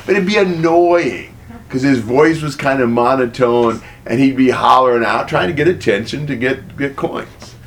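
A man leading a group Bible study, explaining a passage in a relaxed way and asking the group questions. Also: medium pitch, normal speed. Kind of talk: conversational group Bible teaching.

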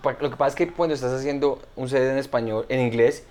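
Host, man, mid pitch, measured and thoughtful, thinks aloud in a casual chat. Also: fairly even intonation, darkish tone, a little hiss or hum. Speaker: podcast host and comedian.

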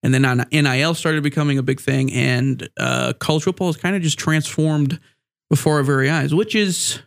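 A man's voice: on the high side, moderate pace. A man with a stuffy, congested nose and a mild sore throat, hosting a casual sports podcast in a rambling, conversational way. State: mildly sick with a sore throat. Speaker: podcast host.

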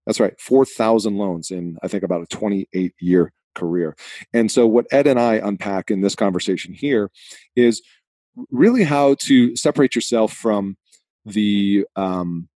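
A man's voice: lowish voice, measured pace, mellow, no room sound. A man with a Boston accent hosting a podcast in a casual, conversational style. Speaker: podcast host.

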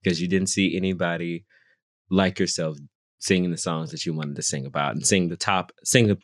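A man's voice: sits low, steady tone, normal speed, no room sound, studio quality. A young man, a singer-songwriter guest, chatting casually in an interview and filling his talk with "like" and "you know". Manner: rambling, full of "like" and "you know" fillers.

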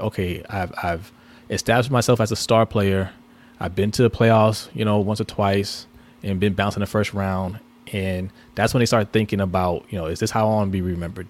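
A man co-hosting a podcast, talking basketball in a relaxed, rambling way and often repeating words. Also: deep voice. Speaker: podcast co-host. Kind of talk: casual sports podcast chat.

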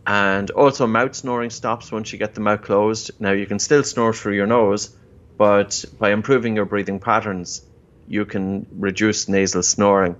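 A man's voice: fairly low pitch, steady tone, measured pace, fairly bright tone. A man giving explanatory health advice as an expert in conversation, instructive and repeating key phrases for emphasis. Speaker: breathing expert guest and co-host. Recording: dull, band-limited remote audio.

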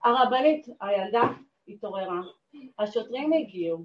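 A woman sharing an emotional personal testimony in a class, dramatic and swinging between hushed and loud. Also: medium pitch, animated. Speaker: class participant. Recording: dull, roomy recording.

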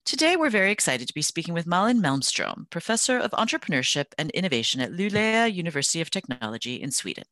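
A woman's voice: on the low side, fast talker, hardly any pauses, dry recording. A woman hosting a podcast, reading a polished introduction and asking questions. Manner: bright, lively, polished. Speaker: podcast host.

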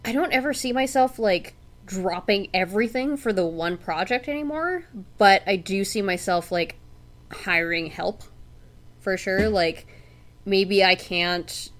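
A woman co-hosting a podcast in casual chat, talking with many fillers into a home mic. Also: on the low side. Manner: chatty, with many fillers and laughs. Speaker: podcast co-host.

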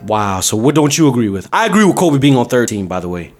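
A man hosting a podcast, talking sports in a blunt, animated casual chat. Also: medium pitch, fast talker, faint music behind. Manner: animated, blunt, calls listener "dog" and "man". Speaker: podcast host.

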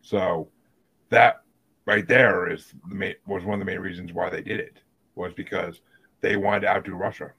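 A man's voice: sits low, steady tone, normal speed, gravelly, bright, forceful tone, breathy edge. A man hosting a podcast in casual chat, talking loosely with trailing asides. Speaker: podcast host.

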